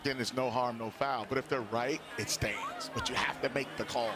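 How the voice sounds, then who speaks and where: During a live football game, a man provides conversational color commentary, explaining plays informally. His mid-range voice holds a steady tone at a moderate pace, with the outdoor stadium's background noise clearly audible.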